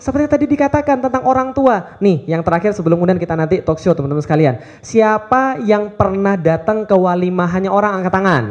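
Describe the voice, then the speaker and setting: High-pitched guy in his 30s giving a lively sermon, lots of quick questions at the crowd, kinda playful. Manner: rapid rhetorical questions, playful. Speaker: preacher. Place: event hall with live audience.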